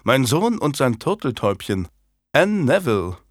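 A man's voice: mid-range voice, very animated, normal speed, no echo, clean studio sound, pitched above the performer's own voice. A man voicing a scornful, imperious middle-aged queen in a historical audiobook, speaking sharply and mockingly.

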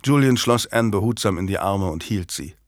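A man narrating a historical novel as an audiobook in an even, clear storytelling manner. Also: lowish voice, normal speed, no room sound, clean studio sound. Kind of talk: scripted narration.

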